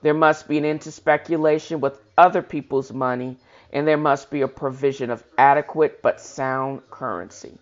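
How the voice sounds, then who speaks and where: Captured in a dull, lo-fi recording, a reading-show host works through a historical speech with casual commentary, sometimes tripping over words and correcting themselves. Their voice is steady, medium in pitch, and at a normal pace.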